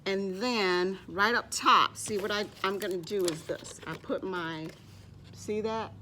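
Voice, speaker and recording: Bright and forceful in tone, this woman's mid-range voice moves unhurriedly as she hosts children's storytime at a library. She talks to little ones through stories and crafts, frequently using the third person for herself, with slight background noise.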